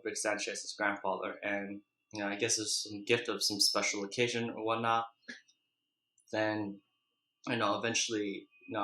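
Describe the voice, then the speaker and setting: Casting: young male vlogger, bright edge but monotone, loose unscripted recap style, hesitant and colloquial, recorded in an echoey room. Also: on the low side. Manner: rambling, colloquial, hesitant delivery. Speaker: vlogger reviewing a TV episode. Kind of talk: casual, unscripted episode recap. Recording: echoey, roomy sound.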